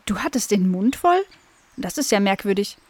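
A woman's voice: medium pitch, sing-song, moderate pace, no echo. A woman voicing a curious, friendly young female dog who talks eagerly in a children's story. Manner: eager, pleading.

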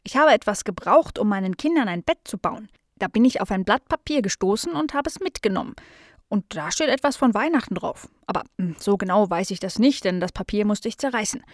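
A woman playing a timid little mother mouse, soft and apologetic, storybook, dry close sound. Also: mid-range voice, lively intonation, fairly quick, no room sound, natural voice. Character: small shy mother mouse.

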